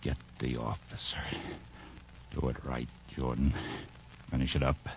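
Robert Jordan, very deep gravelly wounded soldier. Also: male voice, flat delivery, heavily acted. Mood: tense, determined. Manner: halting muttering to himself. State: in pain, straining. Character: wounded dying male soldier, grim, urging himself on. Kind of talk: 1940s radio drama acting. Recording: dull, noisy old radio recording.

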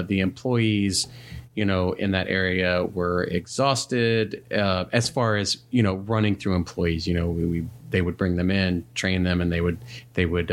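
Man, lowish pitch, halting, casual storytelling, podcast guest. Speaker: podcast guest, manager telling work stories. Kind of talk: casual anecdote telling.

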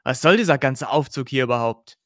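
A man's voice: medium pitch, lively intonation, fairly quick, a bit bright, no room sound, clean studio sound, close to an everyday voice. A man reading the part of a short-tempered young detective, indignant and heated. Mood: angry.

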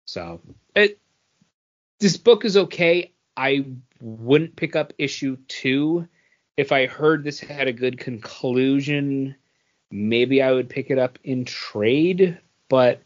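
Over dull audio, a podcast co-host speaks slowly at a medium pitch, giving blunt, casual takes on the comics he's read. He lets the occasional swear word slip into the chat.

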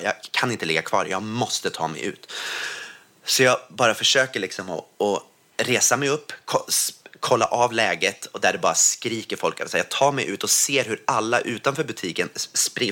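A man from Sweden tells a personal story in relaxed conversation. His voice sits a little low but sounds bright and pointed. He talks in a rush, stopping and restarting his sentences. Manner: vivid, tumbling retelling full of restarts. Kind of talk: casual storytelling.

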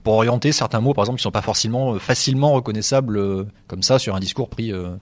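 A man on a tech podcast who talks quickly. He lays out his point precisely and keeps the chat casual. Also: fairly low pitch.

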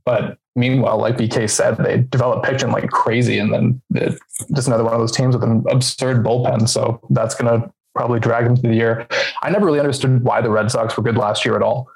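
A man talks baseball on a podcast at a quick clip. His voice has a gravelly, fry-laced edge. He rambles with plenty of fillers. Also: mid-range voice, flat delivery, darkish tone, poor audio. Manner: rapid, rambling, lots of fillers. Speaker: podcast co-host. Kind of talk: casual sports chat.

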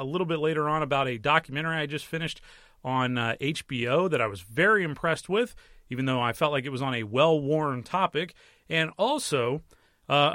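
An American man in his thirties, a podcast host and movie and TV critic, runs a casual solo show in a wry, conversational manner. His fairly high voice comes across pushed and bright, recorded up close in a small closet with no echo.

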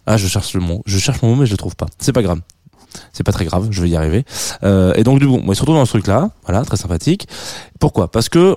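A man's voice: lowish voice, warm tone, no echo, studio quality. A man in his thirties presenting a radio music show in a rambling, chatty way, with many fillers and self-deprecating asides. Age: 30s. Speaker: radio host.

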